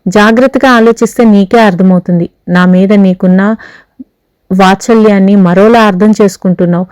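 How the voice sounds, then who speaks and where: A calm young man in a storybook reading, put on by a woman narrator. His voice is mellow and gently patronizing. The sound is close and dry. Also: medium pitch, moderate pace, smooth, no room sound, close to an everyday voice. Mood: soothing.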